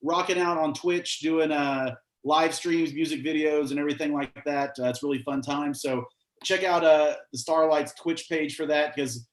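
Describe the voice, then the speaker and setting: Joking trivia host in an echoey room. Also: male voice, a little high, steady tone, moderate pace. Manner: joking, chatty, reads questions aloud. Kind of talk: casual trivia quiz hosting. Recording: roomy echo.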